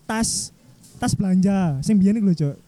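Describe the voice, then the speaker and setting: A man's voice: high-pitched, lively intonation, warm tone. A young man with a Surabaya accent chatting casually with friends, slangy and cursing casually. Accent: East Javanese (Surabaya). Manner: rapid, slangy, curses casually. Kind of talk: casual podcast chat.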